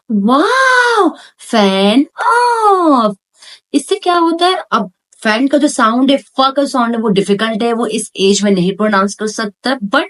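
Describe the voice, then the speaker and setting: Woman explaining speech therapy tips. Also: medium pitch. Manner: explains step by step in Hindi, mixing in English words; clear, teacherly, repeats key points. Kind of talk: parenting tips explained with toy demonstrations.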